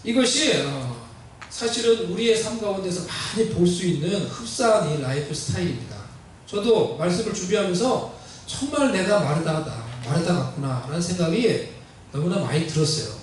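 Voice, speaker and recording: A male pastor preaching a sermon, animated and conversational, often asking the congregation questions. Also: high voice, normal speed, very echoey, recorded from a distance, slight background noise, low-quality recording. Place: church sanctuary.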